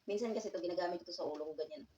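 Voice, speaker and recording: A woman's voice: fairly low pitch, very fast, mellow, echoey room, recorded from a distance, muffled recording, slight background noise. A woman vlogging at home, talking playfully to her cat and laughing often. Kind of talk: casual vlog chat with her cat. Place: indoors at home, in a bedroom.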